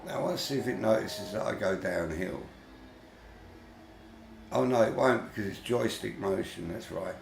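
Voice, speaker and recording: A man's voice: lowish voice, normal speed, vocal fry, long pauses, echoey room, soft background music. A man giving casual running commentary while gaming, chatty and grumbling, with mild swearing. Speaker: vlogger.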